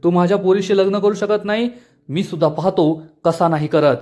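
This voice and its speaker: A man's voice: sits high, moderate pace, darkish tone, close to an everyday voice. A man reading out the lines of a menacing middle-aged politician and domineering father, in a threatening tone.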